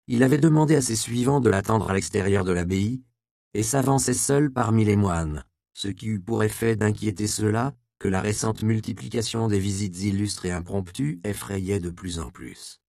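A man narrating an audiobook in a measured storytelling manner. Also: lowish voice, gravelly, mellow, no echo, clean studio sound.

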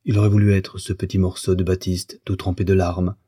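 A man reading a classic novel aloud in a measured, even way. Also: low voice, husky, no room sound, studio quality. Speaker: audiobook narrator. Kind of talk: scripted literary narration.

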